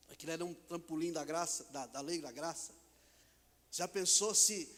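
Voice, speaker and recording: A man with a Brazilian Portuguese accent preaching a sermon as pastor, animated, acting out the dialogue of the figures in his story. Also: a little high. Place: church hall. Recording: long church hall reverb.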